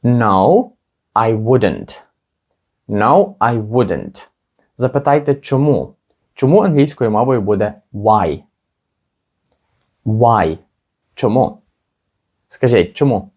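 Male teacher, animated delivery, slow model phrases. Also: mid-range voice. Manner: slow, drawn-out model phrases between quick explanations. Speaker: English teacher. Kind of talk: language lesson.

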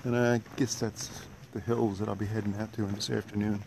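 A middle-aged man casually narrates a hiking vlog into a handheld phone at arm's length, outdoors on a wooded trail and dam. He speaks fairly quickly in a fairly low voice with little pitch movement. The recording is clear, with outdoor background noise.

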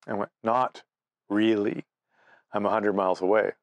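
In front of leafy trees outside, a male presenter who is an amateur radio operator gives a casual instructional talk built on step-by-step examples and anecdotes. He speaks at a fairly low pitch with fairly even intonation and a moderate pace. There's no room sound, and the highs are cut off.

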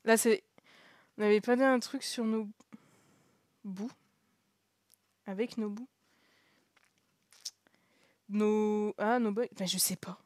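A young woman streaming a visual novel, reading it aloud and commenting in a chatty, joking way with frequent laughs and hushed asides. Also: medium pitch, steady tone, slow, pauses often, no echo, studio quality. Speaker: streamer playing a story game.

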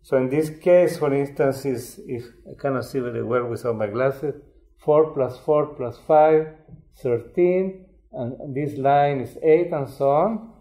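An older man from Chile giving a public lecture, explaining in an unhurried way with frequent restarts. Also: mid-range voice, warm tone. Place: lecture hall. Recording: roomy lecture hall sound.

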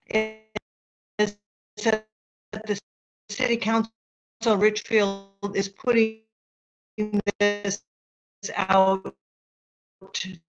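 A woman's voice: medium pitch, flat delivery. A woman board member calling into a meeting, her words coming through choppy and broken up as the call keeps cutting out. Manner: halting, broken-up words with gaps. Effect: choppy, glitchy call audio that keeps cutting out. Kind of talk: meeting discussion. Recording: dull lo-fi remote call line.

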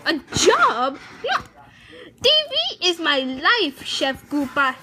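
A woman playing a lazy, TV-obsessed plumber in a homemade toy video who whines and wails at a piercing, very high pitch. The voice swings wildly up and down, and it is heard over a faint hiss. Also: huge pitch swings, slow, sharp tone, exaggerated voice. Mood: whiny. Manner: shrieking, wailing protests. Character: whiny lazy TV-loving adult male plumber.

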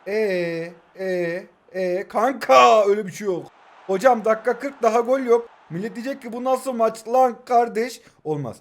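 A man in his twenties from Turkey, joking and mocking himself as he commentates his own mobile football game, and breaking into excited play-by-play. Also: high-pitched, moderate pace. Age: 20s. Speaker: mobile football gaming YouTuber. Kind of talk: live gameplay commentary.

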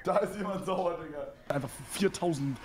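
A man's voice: on the high side, moderate pace, very noisy. A young man in casual, slangy gaming chat, mixing in English swearing. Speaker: gamer in a group call. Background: very loud game music.

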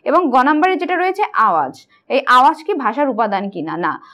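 A woman's voice: high-pitched, sing-song, a little fast, sharp tone. A woman teacher patiently explaining quiz answers, asking questions and answering them herself. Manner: patient, asks and answers her own questions.

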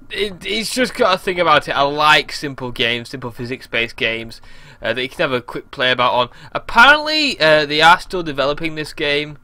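A young English man commentating on his own gameplay, shouty and exasperated as he keeps failing. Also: a little high, no room sound. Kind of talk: casual game commentary.

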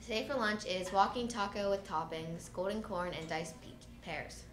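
Female announcer over a school PA system, reads notices plainly, mid-pitched, echoey with steady background noise. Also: moderate pace, over music. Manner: plain read-aloud delivery with small stumbles.

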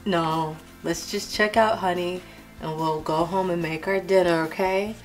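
A woman voicing a low, calm mother doll. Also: measured pace, faint music behind, natural voice. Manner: calm, gently firm with her child. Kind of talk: toy doll play video.

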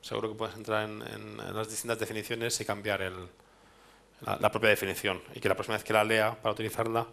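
A man's voice: fairly low pitch, completely flat delivery, fast, vocal fry, pushed and bright. A man in his thirties from Spain with a Spanish accent, giving a technical meetup talk in a hall, thinking aloud with restarts and tag questions. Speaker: meetup speaker. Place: dark presentation hall with audience.

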